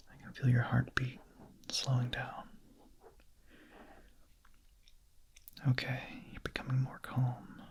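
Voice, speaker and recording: With a mid-range voice, a man whispers softly and haltingly as a young vampire in intimate ASMR roleplay, husky and breathy. The mood is soothing but nervous, his character hungry, hesitant, and tender.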